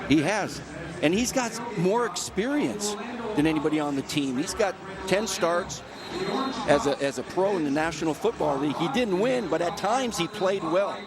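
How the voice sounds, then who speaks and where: A man's voice: a little high, animated, normal speed, over a noisy crowd. A man giving conversational football analysis, explaining plays in a plainspoken, coach-like way. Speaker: color analyst. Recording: clear outdoor stadium noise behind voice.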